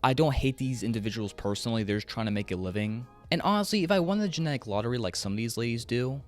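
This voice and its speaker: Over faint background music, a man presents a scripted video essay as a YouTube commentator and host. His medium-pitched delivery is animated and fast, with a sarcastic, joking tone and casual profanity.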